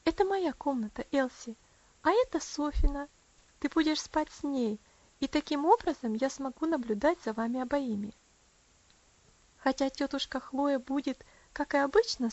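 Woman voicing a tender, gentle young woman. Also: high-pitched, dry recording, highs cut off, voice pushed up. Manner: tender, soothing. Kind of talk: audiobook character voice.

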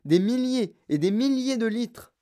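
A woman playing an excitable, boastful chocolate maker. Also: a little high, a little slow, pitched above the performer's own voice. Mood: boastful excitement. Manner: exclamatory and boastful, showing off. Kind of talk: audiobook reading.

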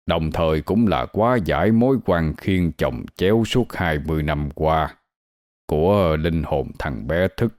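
A man voicing a kindly old monk who speaks slowly in a deep, warm, resonant voice. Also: expressive, no room sound, clean studio sound. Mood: calm, gently chiding.

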